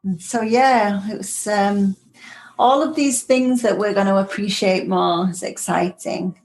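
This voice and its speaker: A woman's voice: mid-range voice, a little slow, darkish tone, poor audio. A woman, a yoga teacher, chatting enthusiastically as a guest on a podcast in long, flowing sentences. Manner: enthusiastic, gushing, talks in flowing run-on sentences. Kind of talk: casual podcast chat.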